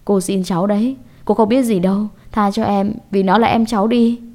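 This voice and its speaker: A woman voicing a terrified young mother who shouts and pleads in a storybook horror tale. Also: medium pitch, steady tone, a little fast, close to an everyday voice. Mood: frantic.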